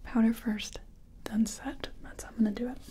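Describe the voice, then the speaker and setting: In a whispery, breathy ASMR roleplay, a woman plays a makeup artist and murmurs hesitantly as if mostly to herself. Her voice is on the high side, with fairly even intonation and a moderate pace.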